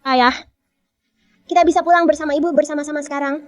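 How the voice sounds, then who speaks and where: High earnest boy voice, steady and brave, woman dubbing. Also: quick pace, dry recording, faint music behind, close to an everyday voice. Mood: hopeful. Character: clever young boy, calm and brave. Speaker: child character. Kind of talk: dubbed drama acting.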